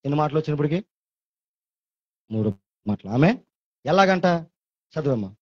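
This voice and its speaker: A male pastor with a Telugu accent preaching a fervent sermon, with his voice climbing into shouted praise. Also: on the high side, lively intonation, normal speed, no echo. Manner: fervent, rising to shouted hallelujahs and quoted pleas. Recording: muffled lo-fi sound, dry.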